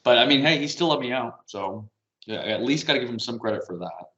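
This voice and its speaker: A man's voice: mid-range voice, expressive, quick pace, bright, forceful tone, lo-fi sound. A man casually chatting on a podcast from home, rambling and meandering with little chuckles. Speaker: podcast co-host. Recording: roomy echo.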